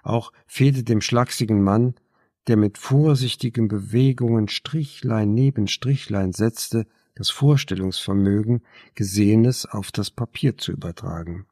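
A man reading a novel aloud as narrator, measured and even. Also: fairly low pitch, dry recording, studio quality. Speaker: audiobook narrator. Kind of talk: scripted narration.

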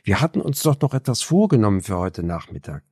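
A man voicing a brisk, teasing young woman friend in an audiobook. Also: lowish voice, big pitch swings, darkish tone, breathy edge, no echo, studio quality, full character voice.

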